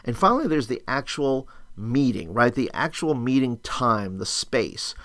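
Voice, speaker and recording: An upbeat man with a youth pastor's conversational way of teaching. His voice sits at a medium pitch in a dry recording. He works through ideas aloud, posing questions and checking in as he goes. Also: big pitch swings, a little slow, fairly bright tone, no echo. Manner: thinks aloud, asks and answers own questions, often adds "right?". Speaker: youth ministry teacher and video host. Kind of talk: casual instructional screencast talk.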